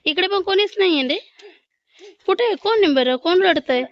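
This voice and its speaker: A woman's voice: very high-pitched, animated, moderate pace, no room sound, dull audio. A woman acting as the older sister-in-law in a family skit, coaxing and questioning, then urging the children to run.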